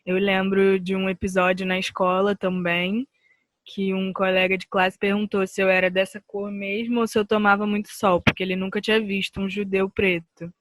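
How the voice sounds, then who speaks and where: Young woman, podcast guest, even monotone, dry close sound. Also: medium pitch, moderate pace, no echo. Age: young adult.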